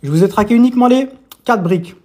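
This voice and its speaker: A man's voice: high-pitched, quick pace, warm tone, a little hiss or hum. Chatty man on a live stream, echoey. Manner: chatty, teasing, mock-lessons, talks with mouth full. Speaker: fitness coach streaming live. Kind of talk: casual live-stream chat while eating.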